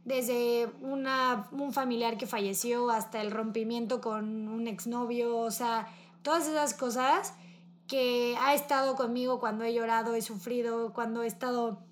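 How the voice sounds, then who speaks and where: A young woman with a Mexican accent, talking casually and warmly about her best friend, heavy on slang and fillers. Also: fairly high pitch, fairly even intonation, unhurried, a little hiss or hum. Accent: Mexican Spanish. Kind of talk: casual emotional chat with a friend.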